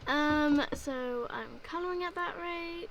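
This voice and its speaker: A young woman with a high voice narrates her gameplay in a casual voice-over, speaking slowly over background noise. She rambles and leans heavily on fillers, repeating "like, yeah" to plug the gaps.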